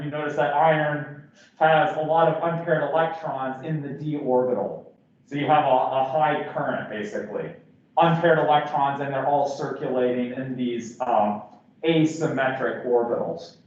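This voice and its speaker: A man's voice: fairly high pitch, measured pace, a little mellow, lo-fi sound. Man lecturing with a sore throat in an echoey hall. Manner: casual, rambling, frequent restarts and fillers. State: sore throat, slightly slurred. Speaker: physics lecturer. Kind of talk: classroom lecture.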